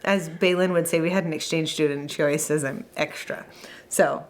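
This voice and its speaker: A woman in her thirties co-hosting a farm show, telling a story in a chatty way, with laughter and quick asides. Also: low-pitched, steady tone. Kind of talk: casual storytelling chat.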